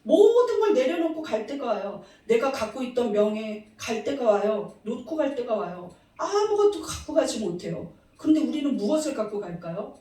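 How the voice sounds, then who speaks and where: A woman's voice: on the high side, very animated, normal speed, few pauses, mellow. A woman pastor preaching a sermon, asking the congregation questions and leading them in reading aloud. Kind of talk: sermon with call-and-response. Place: church sanctuary. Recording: very echoey hall, voice from a distance.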